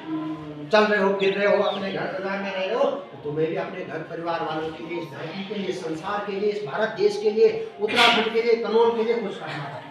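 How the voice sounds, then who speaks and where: A high-pitched male teacher speaks, coaxing his pupils with question after question. He is heard from across an echoey classroom. Children murmur around him. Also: a little fast, few pauses, distant mic, lo-fi sound, crowd noise. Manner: call-and-response questioning of pupils. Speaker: schoolteacher. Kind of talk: classroom poetry explanation. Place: village school classroom.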